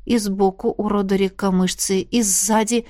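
A woman reading a first-person fantasy novel aloud in a steady, even storytelling voice, close to the mic. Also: medium pitch, moderate pace, no echo. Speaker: audiobook narrator.

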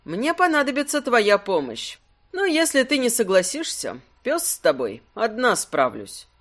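A man voicing a sharp, ironic adventurer woman in an audiobook, speaking with cool, teasing mockery. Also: very high-pitched, wildly swooping pitch, measured pace, voice pushed up, exaggerated voice.

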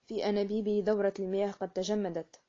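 Bashful old major, read by a woman, halting and louder, muffled sound. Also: medium pitch, little pitch movement, natural voice. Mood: embarrassed. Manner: hesitant, embarrassed. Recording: muffled lo-fi recording.

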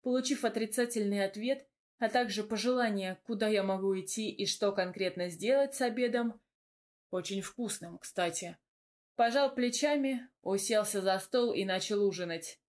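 A woman narrating a first-person audiobook in an even, measured storytelling voice. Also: medium pitch.

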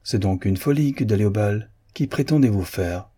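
A touchy, sharp-tongued young woman from a classic storybook, quick to take offence, as a male reader puts her on. His voice stays low, dark and husky. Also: expressive. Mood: indignant. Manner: sharp, indignant.

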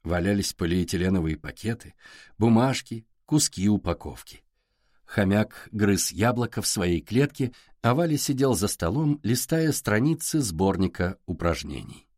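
Low-voiced male audiobook narrator. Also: lively intonation, normal speed, a little mellow, dry recording, clean studio sound. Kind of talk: scripted narration.

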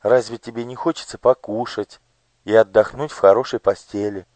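A man's voice: fairly low pitch, steady tone, normal speed, a little mellow, no room sound, pitched above the performer's own voice, close to an everyday voice. A man voicing a timid, hungry little girl who pleads and chatters eagerly. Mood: pleading.

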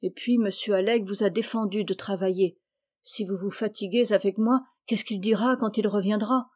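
A woman's voice: medium pitch, steady tone, normal speed, darkish tone, natural voice. A woman doing a timid, humble servant girl. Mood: sad. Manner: humble and hesitant. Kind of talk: storybook reading.

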